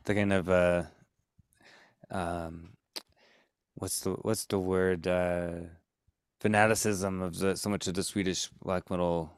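A man's voice: low-pitched, level tone, takes it slowly, long pauses, clean tone, no room sound, clean studio sound. A man hosting a podcast, talking in a rambling casual way full of "like" and "you know". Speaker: podcast host. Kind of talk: casual interview chat.

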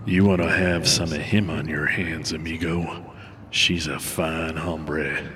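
A man's voice: rumbling low, steady tone, slow pace, a bit bright, a little hiss or hum, full character voice. An actor playing the crude, leering ghost of an old man haunting an airport, who teases with folksy slang.

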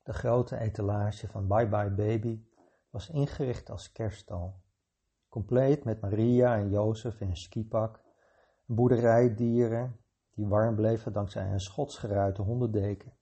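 Gravelly dark-voiced male storyteller. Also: on the low side, steady tone, a little slow. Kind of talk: reading a short story aloud.

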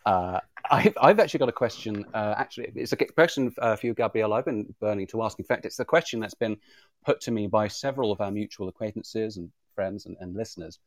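Interviewed during a remote live podcast session, a British audio drama writer talks fast in a fairly low voice. His informal manner is wry, effusive and mock-formal, and the recording is dry.

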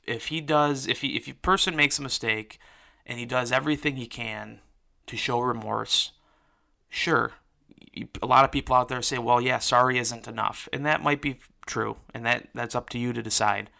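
A man's voice: medium pitch, gravelly, pushed and bright. A man hosting an interview show, talking earnestly about forgiveness with lots of fillers before introducing his guest. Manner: earnest, filler-heavy with restarts. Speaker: podcast host and interviewer. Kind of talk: casual spoken commentary then interview.

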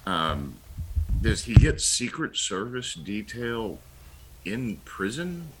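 A man co-hosting a political talk show, talking in a halting, wry way with many ums and pauses. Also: lowish voice, big pitch swings, heavy background noise. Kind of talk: casual political commentary.

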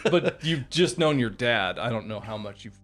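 A man playing a tabletop game, describing his new character in casual, halting chat. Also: mid-range voice, animated, faint music behind. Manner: halting, searching for words. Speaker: player.

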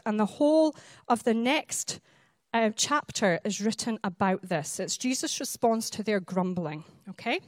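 A woman from the Highlands of Scotland with a Highland Scottish accent, preaching a sermon in an explanatory way and checking in with short tag questions. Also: no echo.

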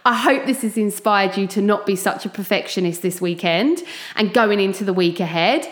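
Woman, Essex accent, mid-pitched voice, chatty podcast host, informal motivational pep talk, echoey room recording. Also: normal speed. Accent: Essex English. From Essex, England. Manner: informal pep talk addressed straight to listeners.

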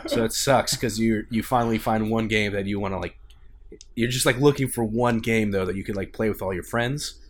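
A man's voice: fairly low pitch, brisk, slight background noise. A man acting as game master of a tabletop zombie game, joking with players and narrating scenes in a playful, teasing way. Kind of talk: tabletop game podcast, casual banter and narration.

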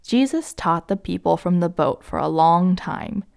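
A woman narrating a children's story gently and asking the young listener questions. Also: lowish voice, lively intonation, unhurried, vocal fry, smooth.

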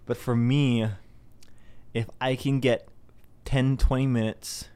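A man's voice: medium pitch, flat delivery, takes it slowly, mellow, smooth, no room sound. Rambling, chatty man on a casual monologue. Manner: rambling, chatty, laughs at his own jokes. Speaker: host.

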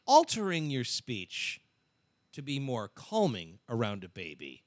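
A man's voice: medium pitch, huge pitch swings, measured pace, no room sound. A man co-hosting a casual podcast, reading out poll figures in a dry, matter-of-fact way. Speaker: co-host.

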